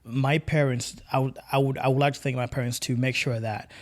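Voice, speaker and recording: A man's voice: mid-range voice, level tone, fairly quick. Earnest young man from Tanzania. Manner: earnest, repeats words while searching for phrasing. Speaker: podcast guest. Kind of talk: casual podcast conversation.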